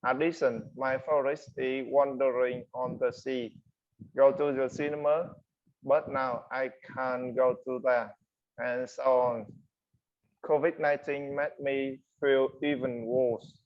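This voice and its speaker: A man reads his rehearsed answers with care, slowly and in a flat, even tone. The recording sounds a bit dull and lo-fi. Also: medium pitch. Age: 20s. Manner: reads prepared answers carefully. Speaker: interview guest. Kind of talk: classroom English speaking exercise, scripted interview.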